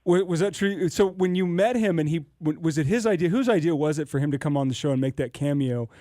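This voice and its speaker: Mellow, higher-voiced male co-host. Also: no room sound, clean studio sound. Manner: rambling, halting questions. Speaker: radio co-host. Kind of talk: radio interview.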